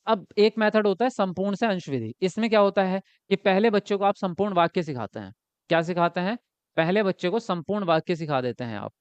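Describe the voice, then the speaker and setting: Male teacher for an exam-prep lesson: high, smooth voice that answers its own questions, close and dry, slightly dull recording. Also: no room sound. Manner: explains by asking and answering himself; ends points with a checking tag.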